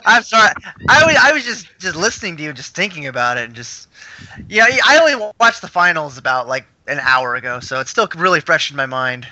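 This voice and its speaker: Lively, very bright-voiced man. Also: on the high side, dry recording, dull audio. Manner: chatty, quick to interject. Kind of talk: casual chat.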